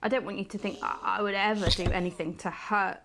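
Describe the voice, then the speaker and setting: A woman voicing a posh female TV news anchor in a game, smooth on air but awkward and pleading underneath. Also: medium pitch, steady tone, fast talker, crowd noise, close to an everyday voice. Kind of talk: scripted game voice acting.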